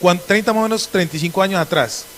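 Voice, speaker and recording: High-voiced Antioquian Colombian pastor preaching. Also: male voice, fast, a little hiss or hum. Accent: Antioquian Colombian Spanish. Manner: lively preaching, acting out dialogue in voices. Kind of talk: sermon.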